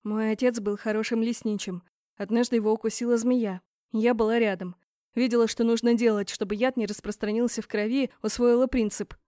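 A woman's voice: fairly high pitch, steady tone, fairly quick, mellow, no room sound, studio quality. A woman narrating a first-person fantasy audiobook in a tense, dramatic manner.

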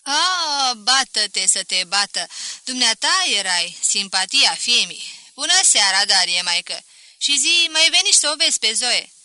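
A woman's voice: on the high side, sing-song, pushed and bright, clean tone, dry recording, heavily acted. A woman doing a brash teasing widow. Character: brash plump widowed mother-in-law, middle-aged, teasing.

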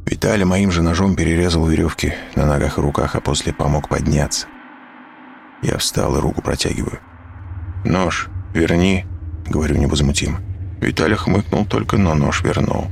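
A man narrating a story in first person, calm and wry. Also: extremely low pitch, creaky, a little hiss or hum.

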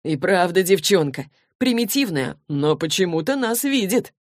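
A cocky young demon hunter, read by a woman in an audiobook, who speaks slowly and scornfully, as if lecturing. His tone is low-set and dry. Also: sing-song, no echo. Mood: mocking. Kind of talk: audiobook reading.

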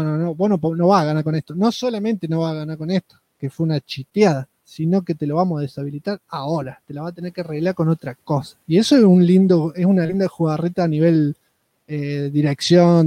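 Man, Argentine accent, high voice, dry close sound, joking podcast co-host. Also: steady tone, a little fast, dark tone, no room sound, highs cut off. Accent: Argentine Spanish. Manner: joking, mock-indignant, playful. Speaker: podcast co-host reading listener comments. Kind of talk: casual podcast chat.

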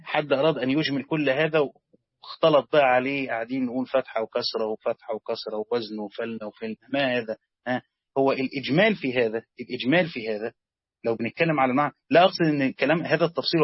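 A man with an Egyptian accent teaching a lesson, explaining slowly, repeating words and quizzing his students. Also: fairly high pitch, breathy edge, no room sound. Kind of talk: classroom lesson on Quranic grammar. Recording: dull lo-fi sound, dry.

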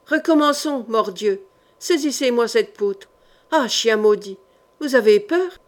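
A woman voicing a furious male captain who shouts orders at his men. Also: a little high, expressive, unhurried. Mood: raging. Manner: shouting, raging.

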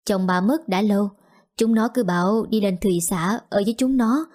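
A woman's voice: medium pitch, normal speed, a little mellow, close to an everyday voice. A woman voicing a shrewd, businesslike older village matchmaker in an audio story. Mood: persuasive.

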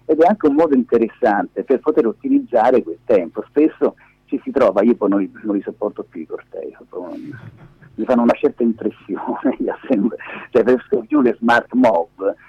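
Here the same kind of guest, a middle-aged media activist and lab director, chats on radio by phone at a moderate pace, his husky, medium-pitched voice expressive. He stresses his explanations and drifts into asides; the call sounds muffled with echo.

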